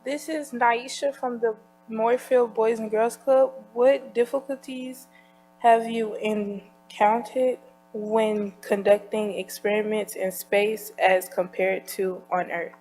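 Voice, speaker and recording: A woman's voice: a little high, fairly even intonation, slow pace, darkish tone, rough recording. A woman reading out prepared questions at an event. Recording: faint mains hum on the line.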